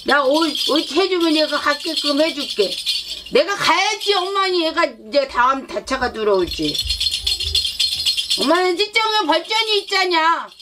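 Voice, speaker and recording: A woman's voice: sits high, sing-song, moderate pace, over loud music. A woman shaman voicing a sulky, demanding child spirit that whines, pouts and coaxes with repeated tag questions. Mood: whiny pouting. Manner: whiny, pouting, coaxing with repeated tag questions. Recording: loud noise with rattle.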